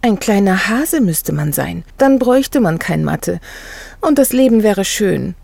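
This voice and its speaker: Brief: woman playing a small, downcast schoolgirl, lifted childlike pitch, breathy edge, storybook. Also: expressive, a little slow, mellow, no echo. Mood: forlorn. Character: sad little schoolgirl, later overjoyed.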